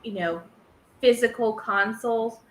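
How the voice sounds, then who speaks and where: A woman chatting casually as a podcast guest, lively and laughing, with playful put-on voices. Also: on the high side, measured pace, reverberant, rough recording. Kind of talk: casual chat.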